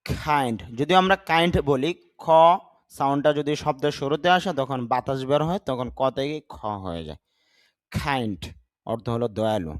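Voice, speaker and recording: With an animated, medium-pitched voice and no echo, a male teacher drills learners on English words: he pronounces each one, says it again, spells it letter by letter, and explains how to say it properly, all slowly and deliberately.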